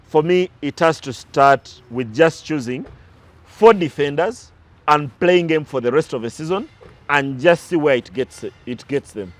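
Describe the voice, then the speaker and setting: A man's voice: on the high side, lively intonation, a little slow, dry recording. A man talking through recent football matches as a pundit, analytical and prone to side stories, with some restarts. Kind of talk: casual sports talk.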